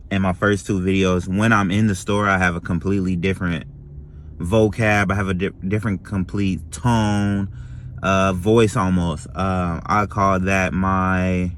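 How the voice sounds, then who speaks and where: Low-voiced young man rambling to camera. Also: a little hiss or hum. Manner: rambling, self-correcting, says "you know what I mean". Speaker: restaurant server vlogger. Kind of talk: casual talking-to-camera vlog. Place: lives in Florida.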